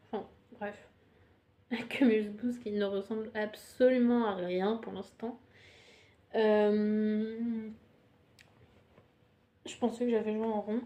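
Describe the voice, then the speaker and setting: Slow, mellow-voiced woman chatting about knitting. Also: a little high. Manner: hesitant, lots of "euh", chatty and self-mocking. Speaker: knitting podcaster. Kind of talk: casual knitting vlog.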